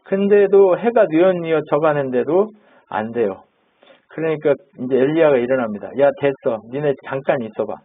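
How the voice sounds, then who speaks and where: This husky, mid-range male voice belongs to a pastor preaching a sermon in a chatty way, questioning his congregation and dramatizing the quotes he recounts. It sounds narrow-band, like a phone line.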